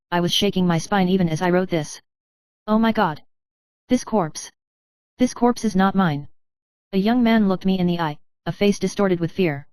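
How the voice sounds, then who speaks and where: A woman narrating a first-person story in a steady, measured reading style. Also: on the low side, clear, resonant tone, no room sound.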